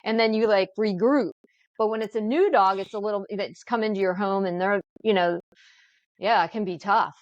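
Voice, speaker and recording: A woman who rescues dogs, chatting casually, self-deprecating and quick to laugh. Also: mid-range voice, dry recording, muffled recording. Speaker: dog rescuer. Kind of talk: casual chat.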